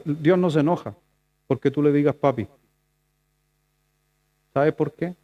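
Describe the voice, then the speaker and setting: A male pastor with a Chilean Spanish accent preaching a sermon in a conversational way, rising to loud emphatic lines and dropping to soft asides. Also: a little high, muffled recording.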